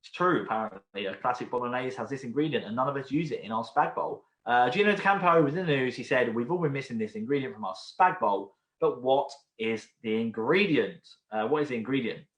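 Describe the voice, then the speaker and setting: A British man hosting a pub quiz from his home, talking casually and drifting into chatty asides before repeating every question. His voice sits at an ordinary middle pitch. The room sounds noticeably echoey around him. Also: animated, fairly quick, hardly any pauses. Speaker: quiz host. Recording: roomy home recording.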